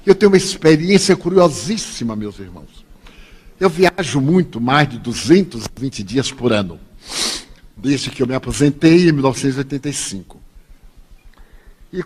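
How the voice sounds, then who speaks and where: An older Brazilian man giving a spiritist lecture, telling humorous anecdotes and acting out the dialogue. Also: mid-range voice. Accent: Brazilian Portuguese. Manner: humorous storyteller, acts out dialogue. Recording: long hall reverb.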